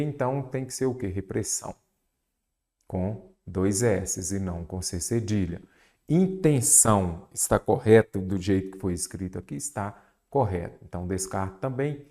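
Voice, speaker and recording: A man's voice: lowish voice, warm tone. A Brazilian Portuguese teacher working through exam questions, asking and answering his own questions and stretching key words. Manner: repeats a mnemonic, stretches words for emphasis. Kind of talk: exam-prep lesson, solving questions aloud.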